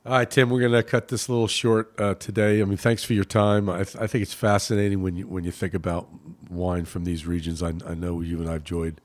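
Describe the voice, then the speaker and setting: Deep-voiced, halting male podcast host. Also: level tone. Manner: halting, repeats words. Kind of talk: casual conversational hosting.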